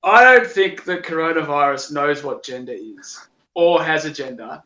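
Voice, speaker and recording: Australian male co-host, mock-incredulous, higher voice, roomy home recording. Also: animated, normal speed, sharp tone, dull audio. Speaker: podcast co-host. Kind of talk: casual podcast banter.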